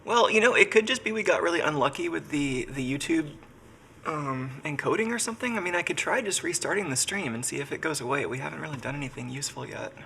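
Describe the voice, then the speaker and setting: This man's voice is on the high side, expressive, creaky, pushed and bright, and he talks fast over slight background noise. Sick and congested, he chats casually on a live stream from his home workshop, thinking aloud with many fillers.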